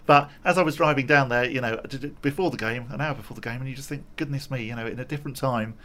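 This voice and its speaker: A man with a mid-range, slightly bright voice talks fast as a radio presenter, chatting casually while narrating his arrival and then discussing it in the studio. He's chatty and self-deprecating, full of fillers, giving on-the-go commentary from a car and then while walking outside at a stadium before the studio chat.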